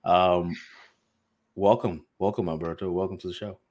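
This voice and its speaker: Man, podcast host, very deep voice, laid-back, fumbling intro. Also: fairly even intonation, normal speed, a little mellow. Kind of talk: casual podcast hosting.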